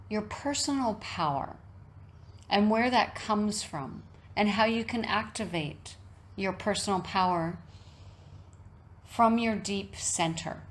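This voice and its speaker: A woman with a mid-range voice leads a yoga nidra session as a reflective guided meditation talk. She speaks in measured, deliberate phrases and pauses often.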